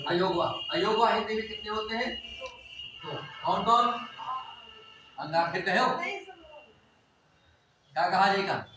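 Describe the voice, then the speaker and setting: A man lectures a class in a high, bright voice, posing questions and answering them himself as he goes step by step. He stands some way from the mic, so the sound is boomy and echoey, with a faint hum of the room behind him. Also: recorded from a distance. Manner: explains step by step, asks and answers own questions. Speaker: teacher.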